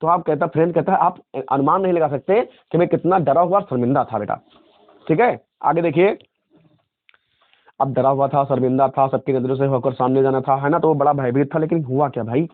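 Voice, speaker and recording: A male English teacher explaining a story line by line, reading each English phrase slowly and repeating it in Hindi, and calling his students "beta". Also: medium pitch, no echo. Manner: calls students "beta" and "friends". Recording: tinny phone-like audio, dry.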